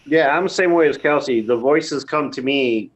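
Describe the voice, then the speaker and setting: A man guesting on a live stream, chatting casually, agreeable and quick to laugh. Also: medium pitch.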